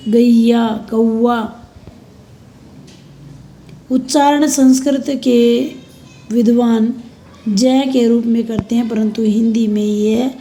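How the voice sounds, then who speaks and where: A woman teacher lecturing at an unhurried, measured pace, her voice soft and mellow. She lays out each point and then lists examples one after another. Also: on the high side, slight background noise. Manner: slow, deliberate explaining, spelling out examples one by one. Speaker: Hindi language teacher. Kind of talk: recorded lecture for university students.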